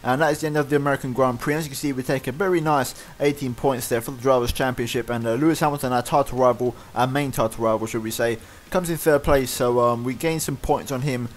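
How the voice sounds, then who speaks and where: A man giving fast play-by-play commentary over his own racing game. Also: mid-range voice. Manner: fast excited play-by-play, winding down later. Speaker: gaming YouTuber. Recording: loud racing game engine noise behind.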